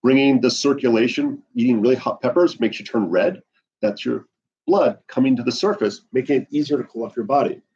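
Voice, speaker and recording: A middle-aged Bahamian man teaches an herbalism class in an indoor classroom with a whiteboard, pacing and gesturing a lot with animated, restless energy. His slightly husky, mid-range voice moves fairly quickly. A far-off camera on the floor captures him, giving the sound a dull, lo-fi quality.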